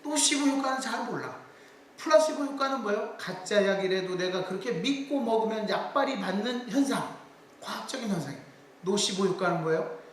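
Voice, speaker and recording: Middle-aged male lecturer, high voice, lively asides, heard from a distance in a very echoey hall. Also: slight background noise. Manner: animated storytelling with quick asides to the audience. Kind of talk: public lecture.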